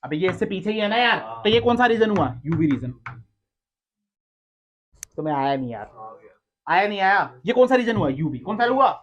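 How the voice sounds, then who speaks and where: A man's voice: high voice, big pitch swings, moderate pace, long pauses, highs cut off. A man teaching physics in a classroom lecture. He keeps firing questions at his students, teasing them and scolding them as he goes. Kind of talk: classroom lecture with call-and-response.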